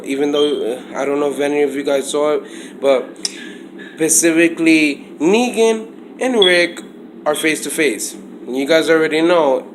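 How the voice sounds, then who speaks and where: A man's voice: on the high side, noisy background. A man talking casually to his viewers in a video, rambling in a loose, conversational way and often restarting his sentences. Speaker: vlogger. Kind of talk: casual vlog talk to camera.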